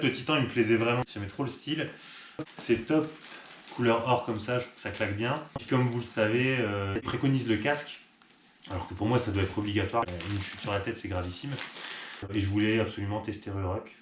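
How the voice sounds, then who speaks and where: A man who runs an online shop, chatting casually and upbeat with fillers as he unboxes a product. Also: lowish voice. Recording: echoey room with clear background noise.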